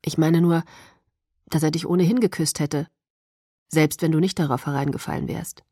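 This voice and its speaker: A woman reading an audiobook, voicing a calm, tender young male vampire lover in a soft, low, gentle voice. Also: normal speed, husky, no room sound, clean studio sound.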